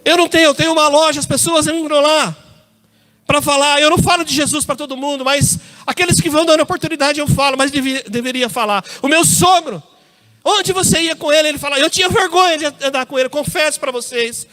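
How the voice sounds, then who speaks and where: A Brazilian man preaching to his congregation, his voice sitting unusually high. He speaks in a church, often turning to the listeners as brothers and weaving personal stories into the sermon. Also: fast, sharp tone. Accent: Brazilian Portuguese. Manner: addresses congregation as brothers, tells personal anecdotes.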